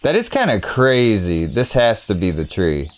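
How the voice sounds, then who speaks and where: A man's voice: on the low side, huge pitch swings, normal speed. A man giving casual, rambling commentary as he plays a video game, thinking aloud in a playful way. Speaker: gaming streamer.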